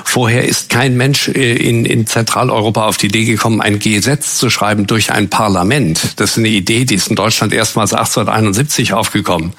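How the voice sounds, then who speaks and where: A man's voice: on the low side, a little fast, hardly any pauses, fairly bright tone. A man speaking as a panel guest, explaining legal history in a lecturing way at a live discussion. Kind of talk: panel discussion before an audience.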